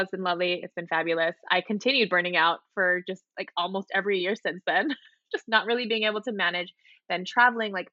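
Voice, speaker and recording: A woman in her thirties from Hawaii talks with a bright, forceful voice, rambling casually and leaning hard on "like." The sound is dry and a touch dull, as if captured on a modest home setup over a call. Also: lowish voice, dry recording. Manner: chatty, peppered with "like", casual swearing. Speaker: podcast guest, wedding photographer. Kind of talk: casual interview chat. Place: home apartment.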